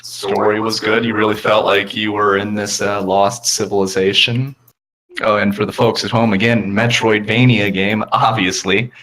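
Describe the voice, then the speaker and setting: A man's voice: on the low side, flat delivery, moderate pace, fairly bright tone, low-quality recording. A man co-hosting a gaming podcast, talking in an easygoing, rambling way. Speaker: podcast co-host. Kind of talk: casual gaming chat.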